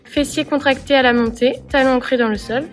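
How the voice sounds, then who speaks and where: High-voiced woman coaching a workout. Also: fairly even intonation, a little fast, faint music behind. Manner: clear step-by-step demonstrating. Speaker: CrossFit coach. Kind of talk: workout instruction.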